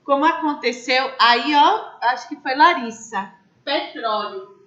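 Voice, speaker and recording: A woman's voice: sits high, a little slow, pushed and bright, echoey room, muffled recording. A woman teaching a grammar class, explaining step by step and asking her students questions. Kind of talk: online class lecture.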